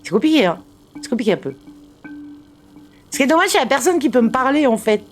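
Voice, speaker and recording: Excitable high-voiced woman streamer. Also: quick pace, faint music behind. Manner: excitable, swears and laughs a lot; shouts at the game. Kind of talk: live gameplay commentary.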